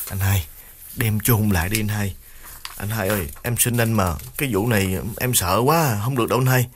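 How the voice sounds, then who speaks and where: A man's voice: lowish voice, normal speed, a little hiss or hum, natural voice. A man doing a terrified, pleading young man. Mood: frightened, pleading. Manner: trembling, pleading, half-whispered.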